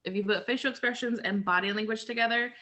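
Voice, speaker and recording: This fast-talking woman has a fairly high, fairly even voice with a bright, forceful tone. She's presenting a casual group lesson on a video call, leaning on everyday examples and plenty of "so" and "like."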